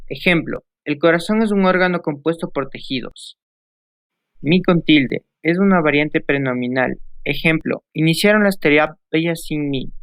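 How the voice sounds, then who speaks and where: A young man from Ecuador reads through spelling rules and example sentences, now and then tripping over a word and repeating it. His voice sits fairly high, and the recording is dry and close. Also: a little slow, a bit bright, clean tone, no room sound. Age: young adult. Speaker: student. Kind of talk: reading a spelling lesson aloud.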